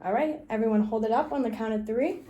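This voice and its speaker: A woman's voice: on the high side, fast, mellow, slight background noise. A young woman student teacher leading a classroom micro-teaching lesson, upbeat and encouraging, with frequent laughs.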